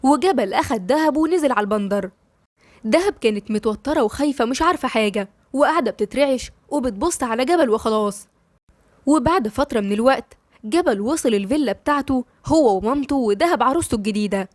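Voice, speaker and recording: Brief: Egyptian woman narrating a novel, rapid and slightly high, dry close sound. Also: animated, dry recording. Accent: Egyptian Arabic. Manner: brisk storytelling. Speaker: storyteller. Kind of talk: novel read-aloud narration.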